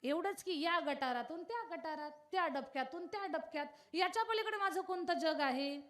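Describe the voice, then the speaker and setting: A woman's voice: very high-pitched, normal speed, fairly bright tone. A woman doing a pleading, selfless male frog. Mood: anguished resolve. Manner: pleading, earnest. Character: brave pitiful male frog, anxious and selfless.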